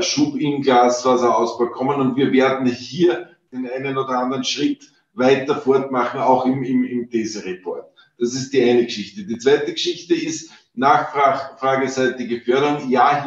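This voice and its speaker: A man answering as a panel expert, talking loosely with many fillers and repeated phrases. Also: medium pitch. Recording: distant roomy lo-fi mic.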